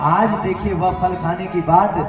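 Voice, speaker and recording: A woman religious storyteller narrates a devotional tale with lively, dramatic flair and speaks directly to her devotees. Her voice sounds dull and distant, ringing through a large hall with long reverb. Music plays clearly beneath her. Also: on the low side, unhurried.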